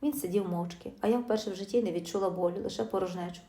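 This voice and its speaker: Woman, middle-aged, first-person life story, fast and confiding, mellow, roomy echo. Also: mid-range voice. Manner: brisk, emotional, confiding.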